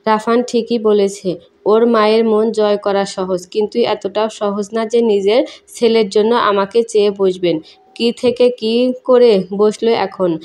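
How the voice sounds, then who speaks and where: A woman narrating a first-person emotional story in a steady, measured reading. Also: mid-range voice.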